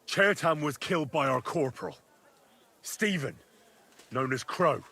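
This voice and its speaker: A man's voice: fairly high pitch, unhurried, creaky, sharp tone, husky, exaggerated voice. An actor playing a young man laying out evidence at a trial in a video game, earnest and matter-of-fact. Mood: accusing. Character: young man accuser, investigator presenting evidence.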